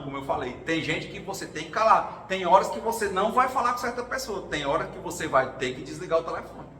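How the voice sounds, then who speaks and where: Speaking slightly high with a bright, forceful tone, this man shares personal experiences in an informal talk at a spiritual gathering. He tells conversational stories and acts out the voices of the people he quotes. It's recorded from a distance in a spacious hall, with a little noise.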